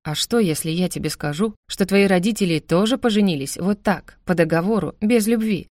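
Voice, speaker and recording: A woman voicing a young adult man, an easygoing stepbrother who teases his sister in a calm, mildly sarcastic way. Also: mid-range voice, brisk, no echo, studio quality, natural voice. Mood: teasing calm.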